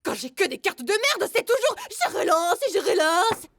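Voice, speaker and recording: A woman playing a brash, loud, foul-mouthed, hot-tempered woman in a cartoon. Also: very high-pitched, big pitch swings, moderate pace, no echo, clean studio sound, exaggerated voice. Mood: furious ranting. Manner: loud, exclamatory, swearing. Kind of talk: animated cartoon dialogue.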